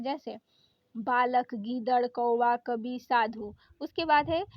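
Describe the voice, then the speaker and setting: A woman's voice: high-pitched, no room sound, muffled recording. A woman teaching an exam-prep grammar lesson, reading out lists of words one by one with frequent hesitations. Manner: reads out word lists with many pauses and "अ" fillers.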